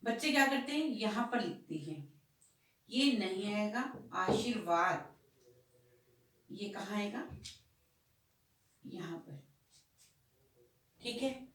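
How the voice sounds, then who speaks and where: A woman's voice: medium pitch, expressive, fairly bright tone. A woman teaching a school Hindi lesson, explaining patiently and asking questions that she answers herself. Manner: slow, patient, asks and answers her own questions. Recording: echoey room, voice from a distance.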